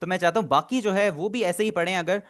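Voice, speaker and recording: A man's voice: high voice, fast, a bit bright. A man teaching an online language class, patiently repeating and explaining pronunciation step by step.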